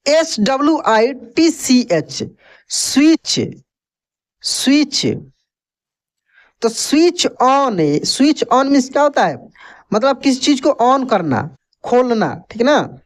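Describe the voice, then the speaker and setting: Man, vocabulary teacher, unhurried, spells words out letter by letter, repetitive, checks in with listeners. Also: extremely high pitch, expressive. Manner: spells words letter by letter, then repeats word and meaning.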